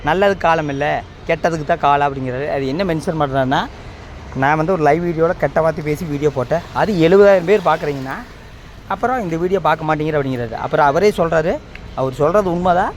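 A man's voice: a little high, fast, a little hiss or hum. A man giving opinionated commentary as a channel host, critical, admonishing and repeating his points.

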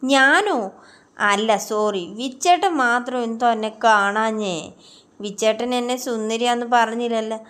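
A woman's voice: on the high side, moderate pace, a bit bright, natural voice. A woman voicing a playful, childlike young woman who pouts and sulks, reading a storybook romance. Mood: pouting. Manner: sulky, babyish pleading.

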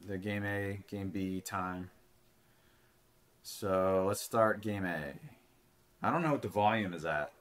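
Talking slowly with long pauses, a man in his thirties with a deep voice casually comments on a retro handheld game. He hosts a retro gaming channel, rambles, swears occasionally, and records on a desk mic at home.

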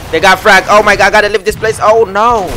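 A man giving live gameplay commentary, excitable and talking to himself, often repeating the same phrase over and over. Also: sits high, quick pace, slight background noise.

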